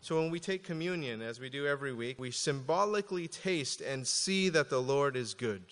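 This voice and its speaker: A man preaching a sermon as pastor, reading scripture aloud slowly and then explaining it with casual asides. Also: medium pitch, animated, a bit bright, in a large hall.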